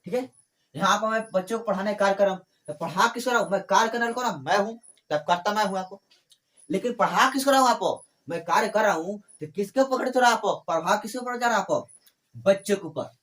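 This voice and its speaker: A man's voice: high voice, fairly bright tone. Man teaching grammar, asking his own questions. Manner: repeats phrases, asks and answers his own questions; fills pauses with "ठीक है" and "आपको". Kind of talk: classroom grammar lesson.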